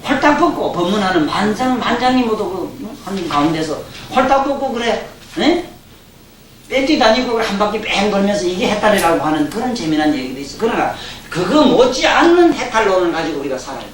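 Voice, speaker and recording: With big pitch swings in a high voice and a slightly fast delivery, an older man speaking Gyeongsang dialect gives a Buddhist dharma lecture. He's folksy, jokes around, and keeps asking his listeners questions. A distant mic in a roomy hall captures faint hiss.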